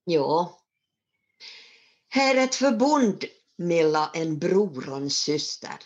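A clever, self-assured young daughter gives her answers with bright confidence, voiced by a woman telling the tale. Her voice sits low for a girl. The recording sounds dull and lo-fi. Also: very animated. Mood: sure, earnest.

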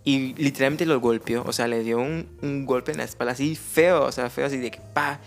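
Gravelly Mexican man telling stories. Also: medium pitch, steady tone, fairly quick, faint music behind. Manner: storytelling, frank and conversational with slang. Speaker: podcast guest. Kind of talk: casual chat.

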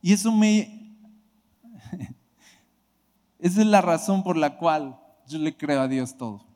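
A man giving an emotional sermon testimony, animated and bursting into shouts. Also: a little high, takes it slowly. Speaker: preacher. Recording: hall reverb.

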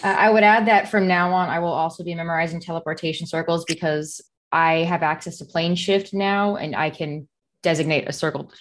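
A woman player in a casual tabletop game session lays out what her character will do next. She speaks matter-of-factly in a fairly low voice. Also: steady tone, a little fast, a little hiss or hum.

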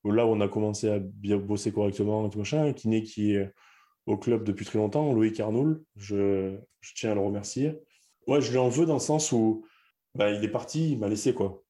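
A man's voice: fairly low pitch, normal speed, mellow. A young man, a rugby player, talking candidly in a casual chat with many restarts.

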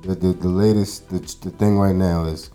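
This podcast co-host's voice is low, dark and steady, delivered at an ordinary pace over faint background music. In his thirties, he tells a long story in a relaxed, wandering style, heavy on fillers and cursing, as part of a casual chat.

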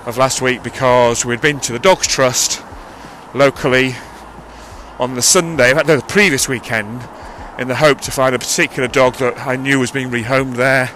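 Recorded outdoors on the street with traffic going by, this audio diary features a man with a steady, mid-range, slightly bright voice at normal speed. He's a vlogger holding a cupped handheld mic, winded from walking uphill beside a busy road, rambling and correcting himself along the way.

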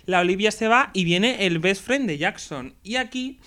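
Young Spanish male host, camp and animated, high, bright tone. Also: moderate pace. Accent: Spanish from Spain. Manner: playful, camp and expressive, acting out scenes. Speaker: podcast host. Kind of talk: casual chat recapping a TV episode.

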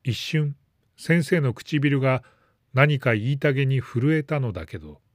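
Calm man reading a story, dry. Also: mid-range voice, a little slow, dry recording. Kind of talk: scripted narration.

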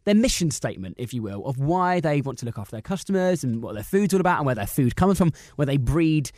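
Fast, lively podcast guy. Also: fairly high pitch, no echo, clean studio sound. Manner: animated storyteller, laughs often. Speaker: podcast co-host. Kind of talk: casual chat.

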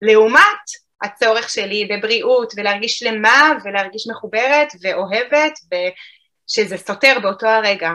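A woman calmly explaining emotional eating to an interviewer, in a reflective, explanatory way. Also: mid-range voice. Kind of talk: podcast interview answers.

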